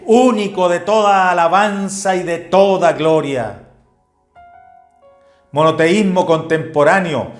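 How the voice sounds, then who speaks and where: A male pastor preaching a doctrinal sermon and citing Bible verses one after another. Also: sits high. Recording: echoey room with faint music.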